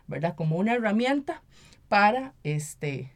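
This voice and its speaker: Unhurried and sing-song at a medium pitch, this Costa Rican interviewee explains her views earnestly, often checking in with brief tag questions. She speaks Costa Rican Spanish and works as an environmental activist and municipal council member.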